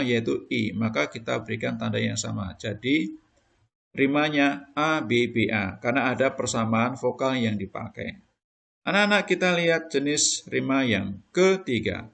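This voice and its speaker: A man teaching young pupils in a recorded lesson, going through each point patiently and step by step. His voice sits at a middle pitch and carries a gravelly, creaky edge. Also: a bit bright. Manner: patient, step-by-step explaining to children. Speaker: primary school teacher.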